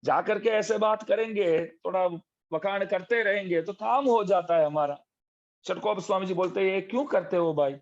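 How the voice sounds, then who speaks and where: High-voiced man preaching with animated storytelling. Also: normal speed. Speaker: religious teacher giving a discourse. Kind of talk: devotional sermon with storytelling. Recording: dull lo-fi recording.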